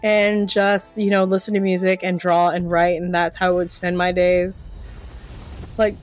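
This middle-aged American woman from eastern Pennsylvania, a podcast co-host or guest, tells stories in casual conversation and animatedly acts out what people said. Her voice is lowish and a little slow. Faint music plays in the background.

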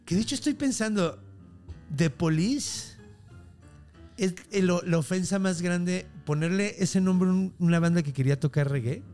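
Slangy high-voiced Mexican man joking. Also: normal speed, a little mellow, faint music behind. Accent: Mexican Spanish. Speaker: podcast co-host. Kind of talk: casual banter.

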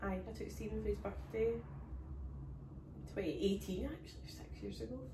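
A Scottish woman co-hosting a comedy podcast, teasing and chiming in with quick quips, recorded on a phone. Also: medium pitch, fairly even intonation, dark tone, far from the mic, slight background noise. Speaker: podcast co-host. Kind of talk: casual comedic chat. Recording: echoey room, phone held off-mic.

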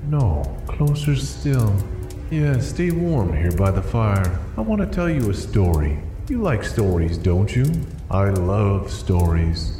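Spooky horror host campfire storyteller, slow n teasing, menacing, big echo. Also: male voice, fairly low pitch, dark tone. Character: creepy male horror host, camp storyteller by the fire. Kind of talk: theatrical horror podcast narration. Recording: echoey with long reverb, music behind.

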